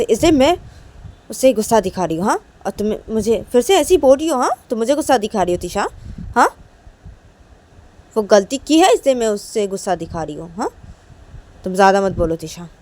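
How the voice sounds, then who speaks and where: A woman voicing a short-tempered mother who scolds with repeated sharp "haan?" tags. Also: mid-range voice, lightly acted. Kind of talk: storytelling with acted dialogue.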